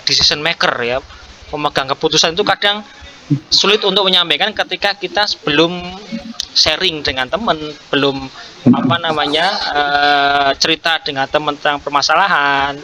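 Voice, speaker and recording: Bright-voiced hesitant man coaching. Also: on the high side. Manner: hesitant, many fillers, encouraging. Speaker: teacher acting as coach. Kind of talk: coaching conversation practice.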